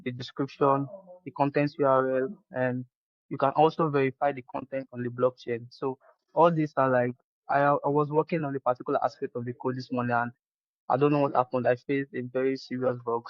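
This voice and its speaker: A man's voice: mid-range voice, no echo. Man presenting over a dull video call. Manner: explains step by step, many "so now" restarts. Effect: heard over a video call. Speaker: startup presenter.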